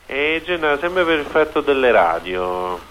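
A Neapolitan man in his fifties chats casually as a caller. His pitch is average, and faint noise runs behind his voice on the call. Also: sing-song, moderate pace, a bit bright, dull audio. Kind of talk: casual chat.

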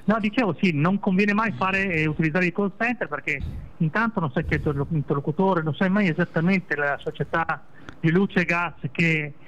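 A man speaks on speakerphone through a muffled phone line. His voice sits slightly high, and he explains things carefully, often starting a sentence over. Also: moderate pace, fairly bright tone. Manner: careful explanatory tone with frequent restarts. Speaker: lawyer. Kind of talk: phone-in guest on a talk show. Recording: dull phone-line sound.

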